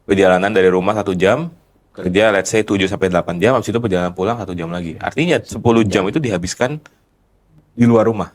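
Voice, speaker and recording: A man's voice: low-pitched, fast talker. A man of thirty, a podcast guest, talking casually and laying out his points step by step. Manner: explanatory, lays out points step by step. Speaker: guest, company founder.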